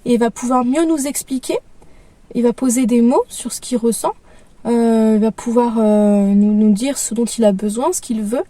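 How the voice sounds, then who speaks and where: Here a parenting vlogger, a young mom, chats through advice softly and calmly, with frequent pauses and hesitations. She has a mellow, gentle voice pitched above most. There's no room sound, and the mic sits some way off, giving a dry, distant quality.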